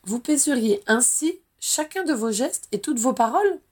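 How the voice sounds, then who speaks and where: A woman reading the lines of a sharp, skeptical woman journalist, cutting in tone. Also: sits high, expressive, moderate pace, slightly rough, voice pushed up.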